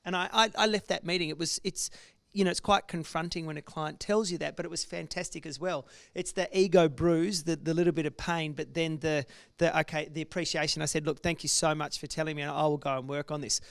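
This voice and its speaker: A business owner speaks candidly to an audience, restarting his sentences as he goes. His voice is gravelly yet smooth, pitched a little high, and the sound is dry and close. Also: steady tone, fairly quick, few pauses, dry recording. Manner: candid storytelling, many restarts. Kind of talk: casual talk to an audience.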